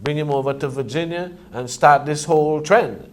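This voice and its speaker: Talking at normal speed in a slightly high voice, this man has a Caribbean accent and Rastafarian style, pressing his points emphatically as he reasons in conversation. Noticeable ambient noise fills the recording.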